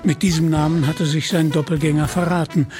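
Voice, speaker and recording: A man narrating a radio story in a measured, dramatic way. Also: fairly high pitch, little pitch movement, a little mellow. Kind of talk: scripted audiobook narration. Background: music.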